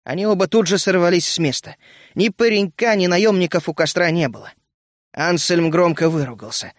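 A man reading an adventure story aloud, narrating in a measured, even storytelling manner. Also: high-pitched, no room sound, clean studio sound. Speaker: audiobook reader. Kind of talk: scripted narration.

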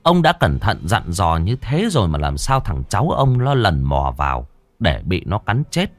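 Low-voiced man telling a horror tale. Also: normal speed, no room sound, faint music behind. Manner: dramatic, expressive. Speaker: storyteller. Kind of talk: horror story narration.

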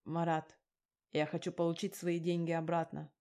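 A woman's voice: fairly low pitch, little pitch movement, normal speed, warm tone, natural voice. A woman voicing a crude, menacing male gangster in an audiobook, talking with a mocking, threatening edge. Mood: cold threatening. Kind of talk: audiobook character reading.

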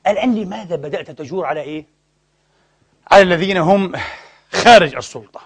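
A man delivers a sermon in a high voice and at a rapid clip. He is impassioned and indignant. He keeps asking rhetorical questions and leaves his sentences open for the congregation to finish. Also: husky. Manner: impassioned, indignant, mixes formal and colloquial speech. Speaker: preacher and lecturer.

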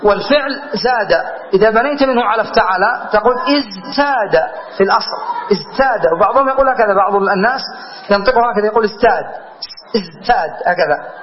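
High-pitched sheikh man patiently walking through grammar rules, asks if it's clear, muffled lo-fi lecture tape. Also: racing, a little hiss or hum. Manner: patient step-by-step explaining, checks understanding with questions. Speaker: sheikh teaching Arabic grammar. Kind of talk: classroom grammar lesson. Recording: dull lo-fi lecture recording.

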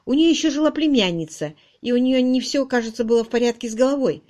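A woman's voice: sits high, quick pace, darkish tone, pitched above the performer's own voice, lightly acted. A woman voicing a composed, polite young woman in an audiobook. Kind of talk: audiobook reading.

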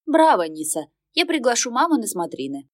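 A woman's voice: fairly high pitch, sing-song, a little fast, no room sound, studio quality, pitched above the performer's own voice. A woman voicing a cheeky, sarcastic male talking dog with snarky quips in a storybook reading.

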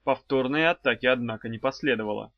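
A man narrating a fantasy audiobook in a measured, even reading. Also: medium pitch, dry recording, lo-fi sound. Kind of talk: scripted narration.

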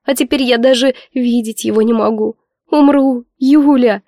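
Tearful young noble girl, high and pleading, played by a woman narrator, dry close sound. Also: steady tone, moderate pace, mellow, dry recording, natural voice. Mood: lovesick. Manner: sobbing, pleading, high-pitched. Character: weepy young noblewoman cousin, heartbroken. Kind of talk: audiobook character voice.

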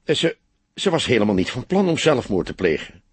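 A man voicing a bewildered, shaken woman in an audiobook, with a husky voice. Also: mid-range voice, big pitch swings, moderate pace, dry recording.

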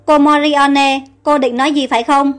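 A woman's voice: sits high, flat delivery, normal speed, close to an everyday voice. A woman voicing an anxious, determined young prince who talks with worried urgency, in a read-aloud story.

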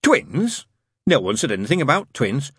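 A man's voice: mid-range voice, very animated, fairly quick, fairly bright tone, husky, dry recording, clean studio sound, voice pushed up. A man voicing a mild, hesitant, puzzled father, an accountant who talks politely and doubtfully, in an audiobook story. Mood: startled.

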